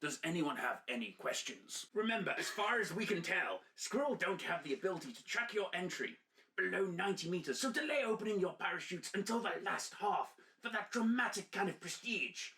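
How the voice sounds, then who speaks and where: A man's voice: high-pitched, big pitch swings, a little fast, bright, forceful tone. Playful male game master. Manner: playful, joking briefing. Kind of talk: narrating a tabletop game.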